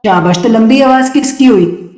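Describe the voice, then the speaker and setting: A woman's voice: on the high side, darkish tone, reverberant. Encouraging woman teaching Quran recitation. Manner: patient, encouraging, repeats words slowly for students. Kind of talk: online tajweed class. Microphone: computer mic in an online video class.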